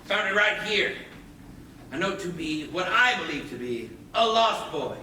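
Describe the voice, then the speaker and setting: A man's voice: high-pitched, expressive, a little slow, bright, forceful tone, heavily acted. An actor playing an eager, fawning male pirate sidekick on a live stage. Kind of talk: stage play acting. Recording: echoey stage recorded from far off, with noise.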